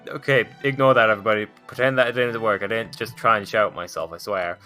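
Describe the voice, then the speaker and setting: A man hosting a casual livestream, excitable and self-deprecating as he chats to viewers. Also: on the low side, fast. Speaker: streamer hosting a tabletop character creation session. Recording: background music behind voice. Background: music.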